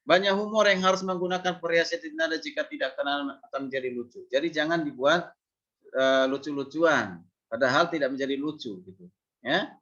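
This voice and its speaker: A man lecturing a seminary class on how to preach, his voice fairly high and bright. He talks loosely, with many fillers, and breaks into example questions to show pitch rising and falling. The recording is dull and lo-fi. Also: brisk. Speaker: homiletics lecturer.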